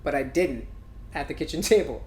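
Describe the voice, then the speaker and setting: A man's voice: fairly high pitch, animated, a little mellow, slight background noise. Reflective man with a roomy echo. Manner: reflective, halting, many fillers. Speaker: podcast host and musician. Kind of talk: casual conversation.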